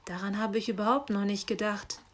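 Eager cheeky young apprentice, quick replies, a woman doing him in a storybook reading. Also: mid-range voice, fairly even intonation, natural voice.

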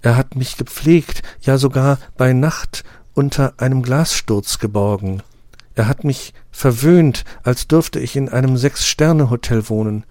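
A man's voice: mid-range voice, a little slow, darkish tone, no room sound, clean studio sound, pitched above the performer's own voice, natural voice. Man playing a prim, tearful rose flower. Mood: sad. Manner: formal, tearful, fussy. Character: proud, tender female rose flower. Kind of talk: audiobook reading.

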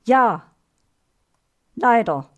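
A woman's voice: fairly high pitch, lively intonation, very slow, muffled recording, voice pushed up. Woman doing an earnest guardian spirit.

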